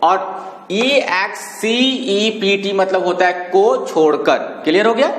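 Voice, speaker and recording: A man teaching a lesson, spelling words letter by letter, reading example sentences slowly and often asking whether his students have understood. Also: high-pitched. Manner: keeps checking understanding with "clear?" and "okay?". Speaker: English teacher. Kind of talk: classroom-style lesson explaining homophones. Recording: echoey room with long reverb.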